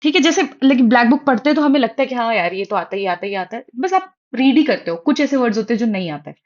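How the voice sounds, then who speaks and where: A woman's voice: on the high side, animated, fast. A young woman giving casual exam study advice, chatty and mixing English phrases into her Hindi. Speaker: exam prep tutor. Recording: dull lo-fi audio.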